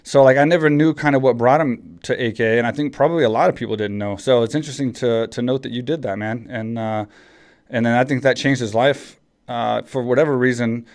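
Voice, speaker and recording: A podcast host from Texas, a man in his forties, talks casually in a rambling way, often restarting and using fillers. His pitch is medium and his pace fairly quick.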